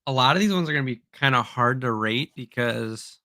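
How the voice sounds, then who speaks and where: A young man co-hosts a casual livestream podcast into his streaming mic, hesitant and full of ums and likes. His voice sits mid-pitch with a bright edge. The sound is dry and close. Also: animated, a little fast, no room sound. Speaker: podcast co-host.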